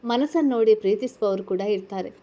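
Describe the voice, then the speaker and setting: A woman's voice: medium pitch, fast talker, warm tone, lightly acted. A woman voicing a tearful, guilt-ridden college girl. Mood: earnest. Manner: anxious, questioning, tearful. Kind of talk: storybook character reading.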